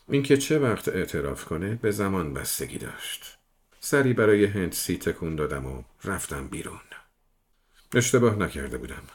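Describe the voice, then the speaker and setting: A man reading a novel aloud in measured first-person storytelling. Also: sits low. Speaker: audiobook reader.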